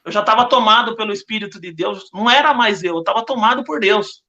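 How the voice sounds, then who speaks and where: A man's voice: high voice, quick pace, pushed and bright, lo-fi sound. A man with a Brazilian Portuguese accent giving an earnest religious testimony as a podcast guest, telling his story with lots of repetition.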